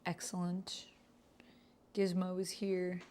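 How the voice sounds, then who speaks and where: Her delivery is completely flat, slow, and warm in tone, pitched on the low side. As she plays a text roleplaying game on a casual livestream, she thinks aloud while reading and typing, frequently questioning her own words.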